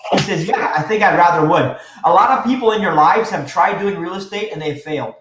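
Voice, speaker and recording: A man teaching a live real estate seminar, energetic and quizzing his audience with questions. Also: high voice, fairly quick, background noise. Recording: echoey room, dull lo-fi sound.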